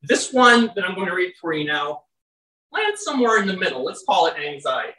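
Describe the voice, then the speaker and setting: A poet with a naturally loud, bright, medium-pitched voice that swings widely in pitch trades wry, chatty asides, then slows into measured readings of their own verse. Captured in an indoor venue before a live audience, the sound is roomy and somewhat distant as they often stray from the stage mic.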